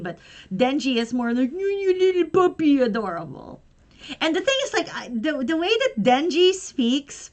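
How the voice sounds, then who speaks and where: A woman's voice: fairly high pitch, fairly bright tone. A young woman and pro wrestler chatting casually on a livestream as she unboxes something, rambling and giggling as she goes.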